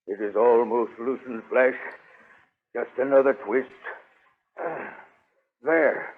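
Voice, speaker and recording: An actor playing a huge, loyal, bearded lion-man prince with a husky voice and archaic, stately diction, in 1930s radio serial style. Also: medium pitch, steady tone, slow, a little hiss or hum, lightly acted. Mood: earnest, watchful. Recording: tinny 1930s radio broadcast recording.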